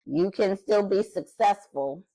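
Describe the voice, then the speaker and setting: A woman's voice: medium pitch, a little slow, dark tone, no room sound, low-quality recording. Blunt, shady woman recapping reality TV. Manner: blunt, shady, acts out quotes. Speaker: podcast co-host. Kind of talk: casual recap chat.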